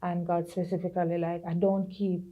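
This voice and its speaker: A middle-aged Jamaican woman giving an earnest personal testimony, slipping into patois and lively quoted voices. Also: lowish voice, moderate pace, dull audio. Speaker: podcast creator sharing her story.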